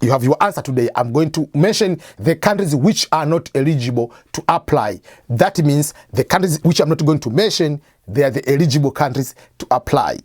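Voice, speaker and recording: An immigration advice channel host explains things step by step to camera in a conversational way, asking questions and answering them himself. His fairly high, animated voice is a little mellow and husky, moving fairly quickly with few pauses, in a dry, studio-quality recording.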